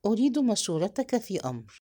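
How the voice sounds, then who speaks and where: A woman reading as a proud young woman, soft. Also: medium pitch, sing-song, brisk. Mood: intimate. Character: proud young woman, bold yet tender.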